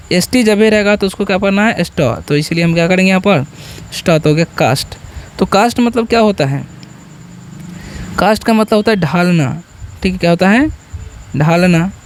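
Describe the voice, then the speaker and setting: A man's voice: high voice, smooth. A man teaching English to beginners in Hindi. He spells each word letter by letter, asks questions and answers them himself, and says "ठीक है" again and again. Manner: repeats "ठीक है" often.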